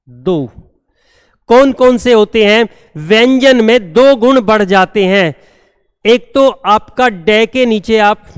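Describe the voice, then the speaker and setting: A man teaching a classroom grammar lesson, repeating each term slowly and checking that students have understood. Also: high-pitched, clean tone, clean studio sound. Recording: long hall reverb.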